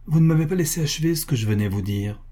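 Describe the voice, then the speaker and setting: A man's voice: on the high side, lively intonation, quick pace, mellow, voice pushed up. A man voicing a naive, eager young girl in a storybook reading. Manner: eager, exclaiming.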